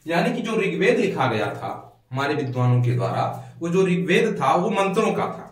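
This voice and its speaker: Echoey man teaching, lively pitch. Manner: asks questions and answers them himself; repeats key words slowly for students to note down. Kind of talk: classroom lecture. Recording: echoey room, mic far off.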